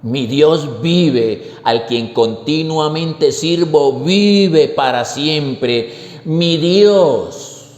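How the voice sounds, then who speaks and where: A man voicing a faithful prophet who answers a king with slow, emphatic declarations, in an echoey hall. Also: a little high, a little mellow. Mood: triumphant.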